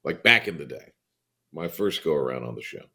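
A man's voice: extremely low pitch, animated, brisk, gravelly, pushed and bright. An American man hosting a sports radio show in a casual, chatty, blunt and teasing way. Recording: studio broadcast, faint music behind. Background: music.

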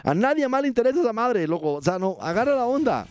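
A man's voice: very high-pitched, very animated, fast, a little mellow, clean tone, soft background music. A man with a Mexican accent hosting sports radio with joking, irreverent, slangy banter. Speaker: radio sports show host.

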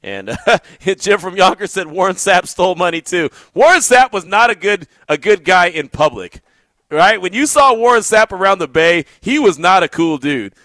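A male sports radio host in a relaxed storytelling groove, laughing as he goes. His voice sits a touch high and sounds bright and forward. The studio sound is dry and close. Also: normal speed, no echo. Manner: laid-back, laughing anecdotes.

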